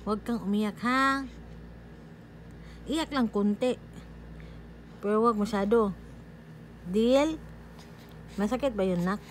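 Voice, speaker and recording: A mother talking to her baby in a home vlog, using soft, coaxing baby talk. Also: mid-range voice, takes it slowly, long pauses. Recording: noisy home recording.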